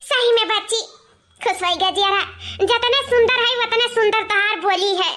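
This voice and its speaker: A fond old cartoon mother-in-law who dotes on her family in a Bhojpuri accent, voiced by a woman. She speaks affectionately in a very high, sharp, squeaky tone. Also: normal speed, slight background noise.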